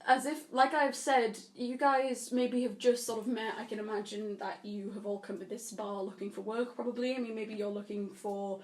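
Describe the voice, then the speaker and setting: A woman's voice: fairly high pitch, steady tone, a little mellow, roomy sound. A woman acting as dungeon master, narrating a tabletop game in a casual, giggly, sometimes exasperated way. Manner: giggly, exasperated, quick to laugh. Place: room with friends around a table.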